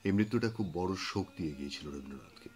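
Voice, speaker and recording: A man reading and talking about poetry, telling the story behind the poems in an unhurried way with thoughtful pauses. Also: sits low, animated, darkish tone. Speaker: poetry reader and speaker. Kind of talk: reflective spoken commentary on poetry.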